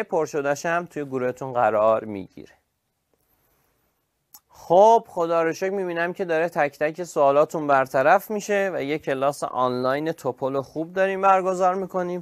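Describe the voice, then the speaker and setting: A man teaching an online chemistry class, lively and praising his students by name. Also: on the high side, no echo, studio quality.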